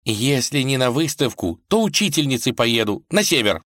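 A man's voice: sing-song, moderate pace, fairly bright tone, no room sound, clean studio sound. Man doing a tearful young tsarevna. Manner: high, sniffling, pleading.

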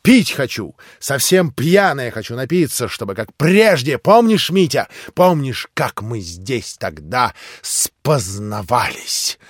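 A man voicing a fiery, proud young woman who swings between commanding and shrill outbursts. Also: animated, takes it slowly, few pauses, a little mellow, no echo, studio quality, exaggerated voice. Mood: tipsy wild.

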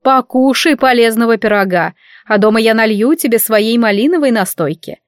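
Lady doing a bossy meddling mom in an audiobook, slow and preachy, close dry mic. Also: a little high, no room sound, close to an everyday voice. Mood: domineering. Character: bossy meddling middle-aged mother, overbearing.

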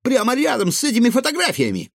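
A man voicing a small, clever, excitable male raccoon in a squeaky, eager voice for a storybook. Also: normal speed, creaky, no room sound, clean studio sound, heavily acted. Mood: excited.

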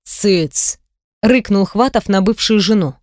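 A woman reads narration calmly and steadily. Her voice sits at a middle pitch. The sound is dry and close to the mic. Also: moderate pace, dry recording. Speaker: audiobook narrator. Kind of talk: scripted narration.

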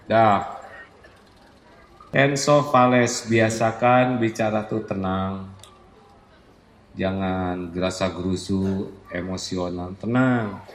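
A man's voice: sits low, steady tone, takes it slowly, long pauses, slight background noise. A man giving a sermon in a conversational, teasing way, acting out everyday examples. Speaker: Islamic preacher. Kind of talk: sermon to a congregation. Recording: echoey hall, faint ambience.

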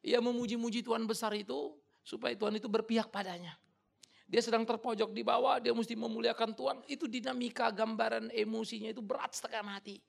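Preaching with drama and colloquial flair, this male pastor shifts between near-whispers and shouts and speaks straight to his congregation. His voice is extremely high and creaky, his tone steady, and his pace quick.

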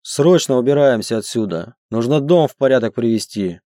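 A man reading an audiobook, voicing a huge, gruff bear-shifter husband who growls and gives orders, in a dry room. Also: mid-range voice, lively intonation, normal speed, mellow, no echo, close to an everyday voice. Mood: loud upset. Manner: commanding, bossy. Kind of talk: audiobook character voice.

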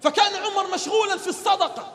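A man preaching a fiery sermon, impassioned, often shouting and crying out with repeated rhetorical questions. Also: very high voice, fast talker. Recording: long hall reverb.

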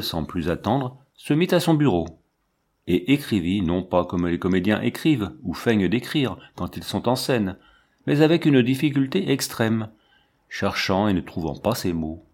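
A man reading a classic novel aloud in a measured literary manner, shifting his pitch for the characters. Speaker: audiobook reader.

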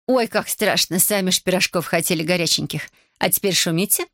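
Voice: medium pitch, a little fast, fairly bright tone, dry recording, studio quality, lightly acted. A reader voicing a cheeky, brash young village woman. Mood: teasing.

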